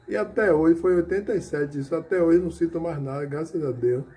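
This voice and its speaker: A man's voice: a little high, a little fast, warm tone. A middle-aged man gives a personal testimony at a church service. He tells his story earnestly and keeps calling his listeners brother. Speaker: church member giving testimony.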